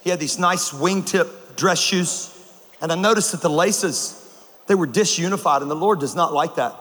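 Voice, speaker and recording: A man preaching a comedic sermon to a large crowd, telling stories with animated bursts of shouting. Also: on the high side, moderate pace. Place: large auditorium with a live audience. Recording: long hall reverb, faint ambience.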